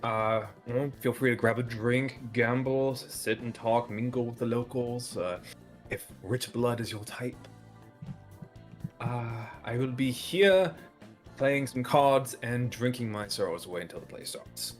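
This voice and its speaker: A grandiose stage director, put on by a game master, speaking in a hammy, drawn-out way. His voice sits a little higher than the narrator's own. Faint music plays behind him. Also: close to an everyday voice. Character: theatrical male director, sorrowful, grandiose.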